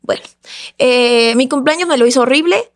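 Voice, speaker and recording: A woman, a podcast guest telling a personal story in a casual, animated way and acting out the voices of the people in it. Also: high-pitched, normal speed. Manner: animated, acts out the voices of others in her story.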